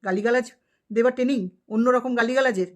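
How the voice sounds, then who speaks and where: A woman's voice: fairly high pitch, quick pace. Scolding woman ranting on her vlog. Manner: scolding, insulting, rhetorical questions. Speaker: vlogger. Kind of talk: angry rant at a rival.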